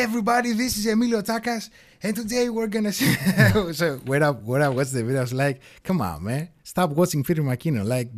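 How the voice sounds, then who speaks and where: A man in his thirties from Greece with a Greek accent, chatting animatedly as an interview guest and laughing often. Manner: animated, laughs often, shifts pitch freely. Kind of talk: casual interview chat.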